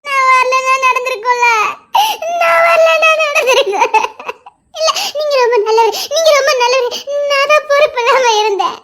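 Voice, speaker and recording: A woman's voice: very high voice, fast talker, a bit bright, slight background noise. A woman voicing a tearful young wife who blames herself and weeps as she pleads with her husband in a Tamil romance audio drama. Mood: tearful, pleading. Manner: sobbing and laughing through tears. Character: young wife, tearful, jealous and self-blaming.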